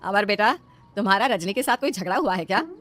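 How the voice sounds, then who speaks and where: A woman's voice: medium pitch, expressive, fast talker, fairly bright tone, faint music behind, close to an everyday voice. A woman voicing a kindly, indulgent mother-in-law in a comic skit, soothing and reassuring. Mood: gentle.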